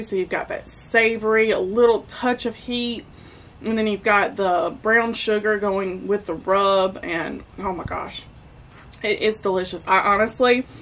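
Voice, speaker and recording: A woman's voice: medium pitch, fairly bright tone, low-quality recording. A woman hosting a casual cooking vlog from her home kitchen, chatty and enthusiastic. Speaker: barbecue cooking host.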